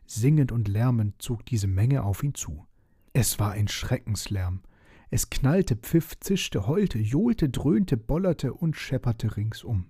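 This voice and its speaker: Man, storybook narration, dark mellow voice, husky, dry close sound. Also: medium pitch, dry recording. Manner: lively, expressive reading.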